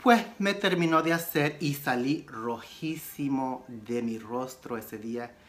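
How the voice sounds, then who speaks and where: A man telling a personal story in a casual makeup vlog, animated and mixing in English phrases. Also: takes it slowly. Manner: animated retelling with sudden pitch jumps. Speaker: beauty vlogger.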